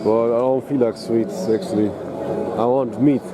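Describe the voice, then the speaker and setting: A man chatting casually as a travel vlogger, rambling and hesitant with many pauses. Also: mid-range voice, fairly even intonation. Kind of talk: casual travel vlog commentary. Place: outdoors in a busy city. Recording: noisy outdoor city recording. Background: street noise and traffic.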